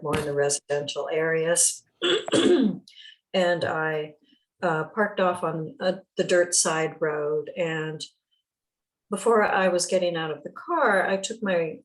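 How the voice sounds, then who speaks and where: A woman's voice: sits low, rough recording. A woman casually telling a rambling personal story to a study group over a video call, chatty and often laughing.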